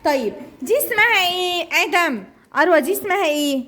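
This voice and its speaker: A woman's voice: very high voice, lively intonation, sharp tone. A woman with an Egyptian accent leading a children's speech lesson, praising often and drawing out key words as she repeats them. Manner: slow drawn-out repetition of target words. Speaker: speech therapist teaching young children. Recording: noisy room recording.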